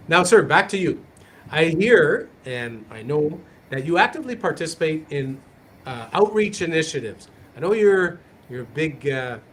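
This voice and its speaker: A man's voice: a little high, slight background noise. Upbeat, direct male police recruiter. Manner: direct, upbeat, myth-busting, conversational. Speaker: police recruiter, session host. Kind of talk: live Q&A session talk.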